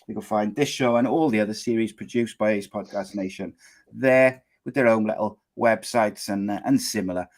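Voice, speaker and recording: On the low side and at a normal speed, a man runs a live podcast in a loose, talkative way. He often uses fillers and restarts his sentences as he introduces guests.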